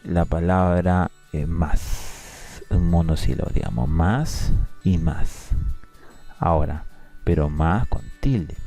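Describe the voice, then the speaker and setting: Male teacher from Peru, deep mellow voice, patient step-by-step explainer, faint music behind. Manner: patient, explanatory, repeats words to show how they sound. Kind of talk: exam review lesson.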